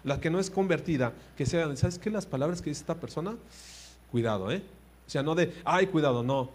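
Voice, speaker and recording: A man preaching a sermon, animated, swinging between loud emphasis and quiet asides and putting direct questions to his listeners. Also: a little high, quick pace, slight background noise.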